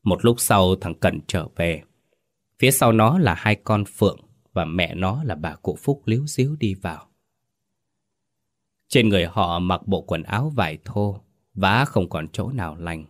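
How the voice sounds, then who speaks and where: A man's voice: low voice, lively intonation, unhurried, no echo, clean studio sound. A man giving dramatic, scripted narration of a horror story.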